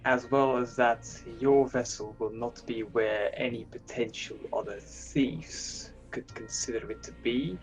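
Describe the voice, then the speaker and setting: Here is a stern, lordly inquisitor, voiced by a man at a game table. He speaks formally and deliberately, as one used to being obeyed. Music plays behind his words. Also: medium pitch, natural voice, rough recording. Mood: measured command. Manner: formal, measured, commanding.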